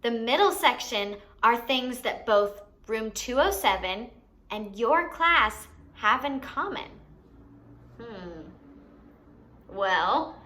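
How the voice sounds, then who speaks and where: Speaking in a fairly high, pushed and bright tone, a children's show host walks young kids through a lesson. She explains plainly and expressively and asks the audience questions.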